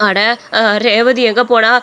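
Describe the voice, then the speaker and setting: A woman's voice: fairly high pitch, fairly even intonation, measured pace, sharp tone, highs cut off, voice pushed down. Older mother-in-law in a cartoon: fretful, fussing, caring; a woman voices her.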